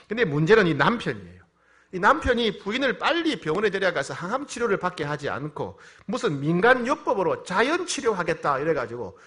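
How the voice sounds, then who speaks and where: A man's voice: fairly high pitch, a bit bright. A man preaching a sermon, telling a story and acting out prayers with rising passion. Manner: storytelling with acted prayers, rising to impassioned pleading. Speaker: pastor.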